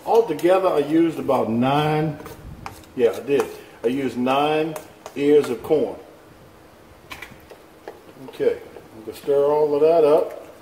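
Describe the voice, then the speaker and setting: This man sounds mellow and fairly high, speaking slowly and pausing often. In a casual cooking demonstration at his stove, he hosts a home show and leads the viewer through each step in a down-home, easygoing way. Shot from a camera over the stove with his hands visible, the audio carries kitchen echo and a faint pan sizzle.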